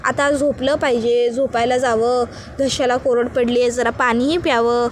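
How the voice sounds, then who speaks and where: A woman's voice: a little high, steady tone, moderate pace, a little hiss or hum, natural voice. A woman voicing a teasing young husband. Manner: teasing, mildly scolding.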